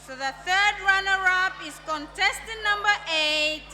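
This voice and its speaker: Very high female pageant announcer, reverberant hall. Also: a little slow, bright, forceful tone, a faint crowd. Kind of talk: formal pageant results announcement. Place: live stage event in reverberant venue. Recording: long hall reverb, music behind.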